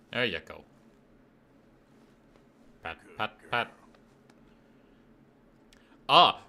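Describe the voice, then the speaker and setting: A man's voice: mid-range voice, bright, forceful tone. A Scottish man chatting casually while streaming a game and reading chat aloud. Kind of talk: casual gameplay commentary.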